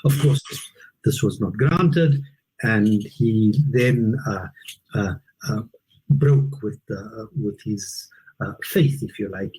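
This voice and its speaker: A man explaining things as an interview guest, haltingly and deliberately, often repeating words, in a husky voice. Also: on the low side, dark tone, rough recording.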